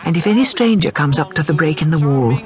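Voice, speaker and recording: An actor narrates a fairy tale as the omniscient storyteller in a scripted radio drama, talking fast with lively intonation and a mid-range, lightly acted voice. The storytelling mood remains measured, with music underneath.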